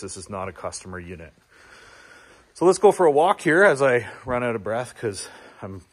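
A middle-aged man from Ontario, a builder chatting casually and easily as he walks through a small wooden building under construction. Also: mid-range voice. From Ontario, Canada. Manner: chatty, easygoing, with filler restarts. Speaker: builder and small business owner. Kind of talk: casual walking tour vlog.

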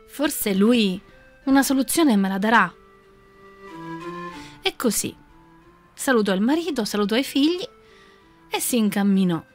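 Una donna alla conduzione di una radio cristiana narra una storia con vivacità. La voce è un po' alta e sotto le parole scorre una musica tenue. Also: female voice, fairly high pitch. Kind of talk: storytelling narration.

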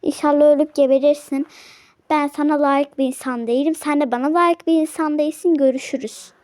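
A woman's voice: high voice, steady tone, brisk, a little mellow, pitched below the performer's own voice, natural voice. A woman voicing an angry young husband in a toy game role-play, dropping her voice to curse and threaten divorce. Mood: furious. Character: angry husband, young man, furious and dramatic.

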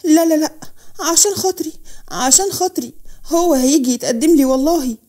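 A woman's voice: sits high, fast, dark tone, close to an everyday voice. A woman with an Egyptian accent voicing a frightened young woman who pleads tensely. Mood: pleading. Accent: Egyptian Arabic.

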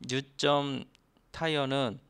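Man with a smooth voice teaching code. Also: medium pitch, fairly even intonation, takes it slowly, a bit bright. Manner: explains step by step with rhetorical questions. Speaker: programming instructor. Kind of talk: screen-recorded coding lecture.

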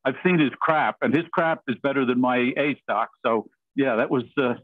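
A man's voice: medium pitch, normal speed, no echo. A man hosting a meeting in jokey, rambling casual chat over a video call. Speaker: meeting host. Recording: tinny video-call audio.

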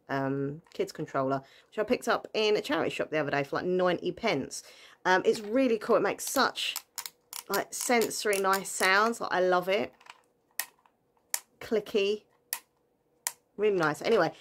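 A woman with an Essex accent in her thirties, chatting casually in a rambling, informal vlog with trailing thoughts. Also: on the low side. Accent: Essex English. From Essex, England. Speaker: vlogger. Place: indoors at home, bedroom. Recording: clear background room noise, handheld home recording.

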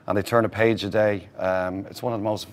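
A man's voice: on the low side, fairly even intonation, fairly quick. A man in his forties from Ireland with a Dublin accent, chatting casually as he demonstrates a recipe in a TV studio kitchen on a lapel mic. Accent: Dublin Irish. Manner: chatty, cooks while explaining. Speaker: restaurant chef. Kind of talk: casual cooking demo on TV.

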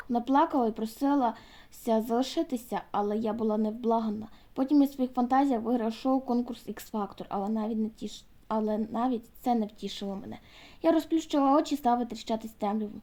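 A woman reading a children's book aloud, expressive and lightly voicing the characters. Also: on the high side. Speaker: audiobook reader.

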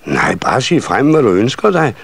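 A man's voice: medium pitch, wildly swooping pitch, vocal fry, no room sound, voice pushed up, exaggerated voice. A man reading a children's story and voicing a modest, kindly carpenter who speaks mildly and hesitantly.

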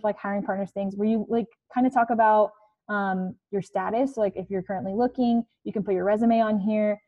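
This young woman coaches students from her living room in a relaxed video-call presentation, talking chattily with lots of fillers. As a career coach she has a medium-pitched, mellow voice, and the audio from her earbud headset sounds dull.

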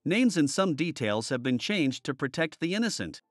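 A man narrating workplace and army stories in a steady scripted storytelling voice, lightly voicing the people in them. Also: on the high side, moderate pace, no echo, clean studio sound, faint music behind.

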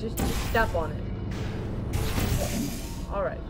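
A woman's voice: mid-range voice, takes it slowly. A woman giving casual commentary and directions while playing a co-op video game. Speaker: co-op game player. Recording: game music behind the voice.

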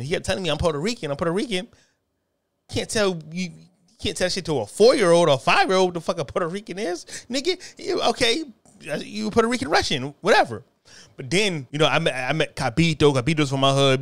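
A man's voice: medium pitch, a bit bright. A man from New Haven, telling profane, streetwise stories in a casual monologue. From New Haven, Connecticut. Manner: profane, streetwise storytelling with frequent asides. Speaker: podcast host.

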